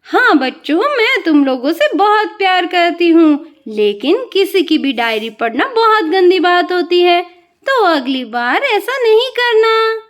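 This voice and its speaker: Woman doing a sweet old granny in a kids doll story, slow and firm, voice still super high. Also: very animated, full character voice. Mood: loving. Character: kind old grandmother, gently scolding.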